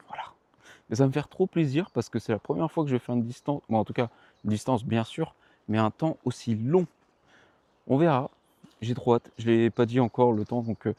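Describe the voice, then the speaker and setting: A young man who vlogs about running talks outdoors to the viewer in a relaxed way about training, sounding tired in a mellow, darker mid-range voice. He wanders off topic, restarts sentences and drops slang, captured in a dry, close recording.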